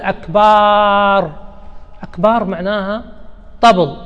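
A man delivers a religious lesson in a high, gravelly voice. He explains patiently and circles back to repeat the important terms. The recording rings with a long reverb, as in a big hall. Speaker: religious teacher.

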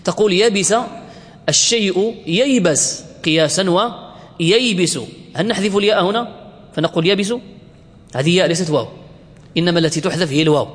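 A man teaching Arabic word forms to a class. He asks the class questions and answers them himself, and he slows right down to spell out each form. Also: high-pitched, a bit bright, big-room sound. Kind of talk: classroom lecture.

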